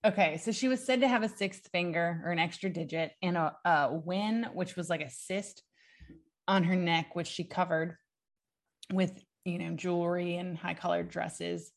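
A young adult woman, a podcast co-host, excitedly recounting history from notes in a casual chat, prone to giggles. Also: on the low side, normal speed, gravelly.

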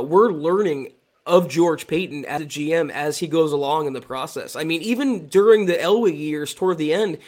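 Higher-voiced American man analyzing sports. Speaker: sports livestream co-host.

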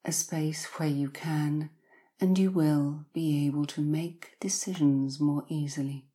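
A woman guiding hypnotic relaxation in a slow, soothing countdown manner, soft and breathy with long pauses, often sinking to a near-whisper. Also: deep voice, fairly even intonation.

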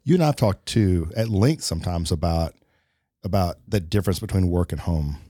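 Middle-aged guy musing on a podcast, low mellow voice, dry sound. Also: animated, moderate pace, no echo. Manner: reflective, many fillers and restarts. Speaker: podcast co-host. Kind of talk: casual conversation.

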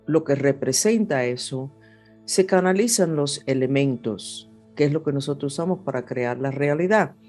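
A woman astrologer with a low, slightly mellow voice addresses her audience in Spanish, a language she learned second. Music plays beneath her unscripted horoscope and spiritual talk.

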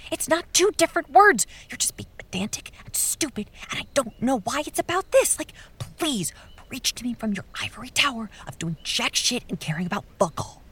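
A woman's voice: a little high, very animated, fairly quick, hardly any pauses, a bit bright, slight background noise. An actress playing a blunt, foul-mouthed young woman who leads the group with impatient exasperation. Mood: ranting. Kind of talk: audio drama acting.

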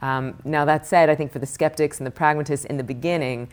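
A woman meditation teacher and author answering interview questions, rattling off lists of questions in an animated way. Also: deep voice, brisk.

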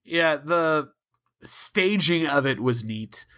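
Bright-voiced wry man recapping an episode. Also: on the high side, takes it slowly, dry recording, studio quality. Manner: wry, sarcastic, deadpan asides. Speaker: podcast co-host. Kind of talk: casual chat recapping a TV episode.

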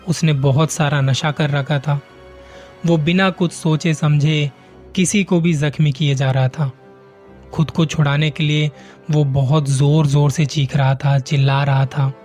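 Man, horror story narrator, suspenseful measured telling, slightly high pitch, soft background music. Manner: slow, suspenseful retelling in first person.

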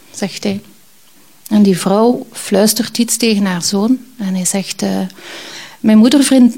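A woman's voice: mid-range voice, dark tone. A woman telling a personal story in a reflective, hesitant way, with many fillers.

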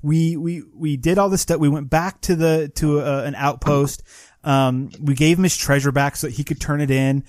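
Casting: male podcast co-host, a lively storyteller with a higher voice, dry close sound. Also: moderate pace, no echo. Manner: animated storyteller acting out quoted players. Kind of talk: casual gaming chat.

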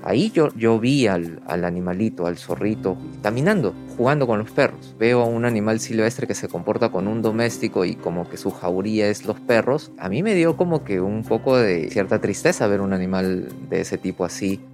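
A man's voice: lowish voice, lively intonation, moderate pace, hardly any pauses, darkish tone. Matter-of-fact male veterinarian. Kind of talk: recorded interview. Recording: faint music bed.

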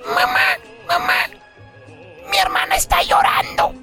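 Super high squeaky little kid voice, whiny and blunt, music under it. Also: male voice, flat delivery, measured pace. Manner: squeaky childish whine.

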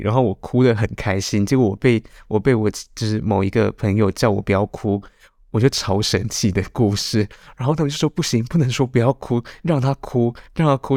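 A man's voice: fairly low pitch, darkish tone, no echo, studio quality. A man with a Taiwanese Mandarin accent hosting a podcast, telling a personal story in a candid, rambling way. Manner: candid, confessional, rambling with many restarts. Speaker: podcast host.

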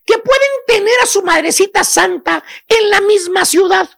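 A man with a Mexican accent voicing a loud, preachy male comic character who rants and scolds in a radio sketch, breaking into sobbing whines. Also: very high voice, moderate pace, creaky, exaggerated voice. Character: loud preachy male "maestro" lecturing sons about their mothers.

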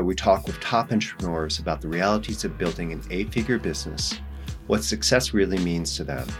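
A man hosting a podcast, reading the show intro and asking upbeat, rambling questions that he corrects as he goes. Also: low voice. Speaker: podcast host.

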